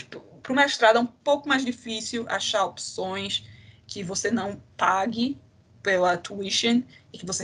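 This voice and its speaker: Husky-voiced young Brazilian woman. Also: mid-range voice. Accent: Brazilian Portuguese, from Recife. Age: 20s. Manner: chatty, restarts sentences, mixes in English terms. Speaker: interview guest, doctoral student. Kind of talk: casual advice in an interview.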